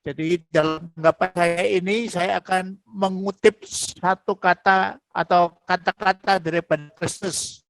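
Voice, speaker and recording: A man giving a measured response on a webinar over a video call. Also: high-pitched, level tone, vocal fry, fairly bright tone, dry recording. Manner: checking setup, measured.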